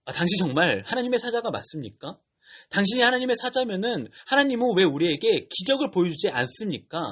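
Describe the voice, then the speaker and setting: A man's voice: sits high, very animated, fast talker, fairly bright tone, husky, full character voice. A man voicing Gideon, a timid and fearful young man who pleads and belittles himself. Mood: pleading. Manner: hesitant, self-deprecating pleading.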